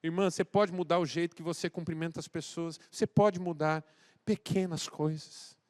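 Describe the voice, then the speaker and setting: Brazilian pastor, preaching with big swings. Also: male voice, fairly high pitch, fairly even intonation, normal speed. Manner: swings between loud exhortation and quiet, intimate address; acts out dialogue in storytelling. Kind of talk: sermon.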